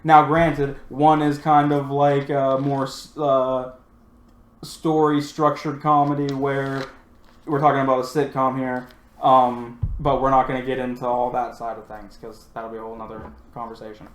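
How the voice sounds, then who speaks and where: A man's voice: mid-range voice, flat delivery, normal speed. A man on a podcast, chatting casually and rambling a bit, with many "like"s and "um"s. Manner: easygoing, rambling, uses fillers like "like" and "um". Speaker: podcast co-host. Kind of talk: casual chat. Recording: roomy echo.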